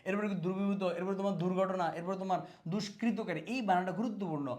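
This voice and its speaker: A man with a Bangladeshi Bengali accent teaching a spelling lesson to exam students, energetic, asking questions and answering them himself, repeating words to drill them. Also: high voice, very fast.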